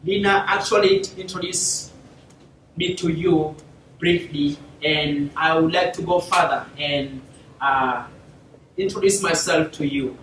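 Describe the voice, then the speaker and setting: A young South Sudanese man giving a formal talk to a university class, thanking people warmly and using many fillers. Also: a little high, takes it slowly, a little hiss or hum. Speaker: guest speaker. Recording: echoey classroom, from far off.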